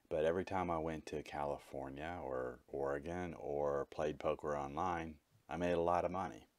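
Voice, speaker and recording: Very deep-voiced man narrating his vlog. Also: no echo. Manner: candid, matter-of-fact storytelling. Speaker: vlogger. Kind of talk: reflective voice-over narration.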